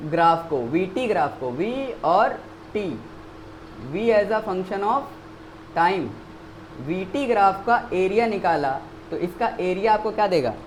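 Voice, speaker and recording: A man with a high voice and an Indian accent teaches a maths class. He keeps quizzing his students and answers each question himself. Faint noise sits behind him. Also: low-quality recording. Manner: repeats key words for emphasis.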